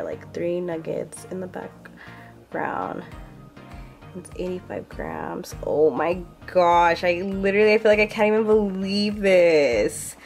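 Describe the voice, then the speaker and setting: A young woman with a fairly low voice chats through a casual vlog over clearly audible background music. She is bubbly and effusive, and she drops "like" and "you guys" into almost every sentence. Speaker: lifestyle vlogger.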